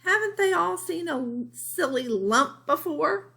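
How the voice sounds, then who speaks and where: A woman's voice: high voice, animated, slow pace, vocal fry, pushed and bright, voice pushed up, heavily acted. Woman acting a bossy, theatrical little girl mouse. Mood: scornful. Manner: emphatic and theatrical. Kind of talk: read-aloud children's storybook.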